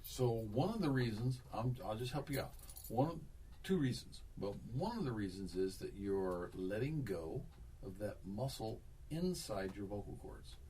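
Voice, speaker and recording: Male voice teacher coaching a student; lively, expressive delivery, recorded from across the room. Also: fairly low pitch, moderate pace, distant mic, a little hiss or hum. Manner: coaching, demonstrates vocal exercises, repeats himself. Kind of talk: one-on-one singing lesson.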